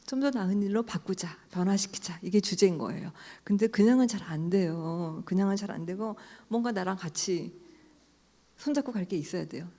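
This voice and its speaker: Warm-toned woman telling a story. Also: mid-range voice, a little fast. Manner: animated storyteller, quoting others, sometimes dropping to a hushed voice. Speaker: author speaking at a book concert. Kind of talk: storytelling lecture to an audience.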